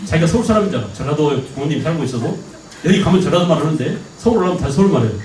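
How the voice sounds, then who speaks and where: A middle-aged male history teacher lectures at a rapid clip, his high voice leaping up and down as he keeps asking whether everyone gets it. He is recorded from a distance in a roomy, echoing hall with a faint hiss underneath. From Jeolla province, Korea. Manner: animated, keeps checking understanding with rhetorical questions. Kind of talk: lively classroom lecture. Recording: echoey hall, mic at a distance.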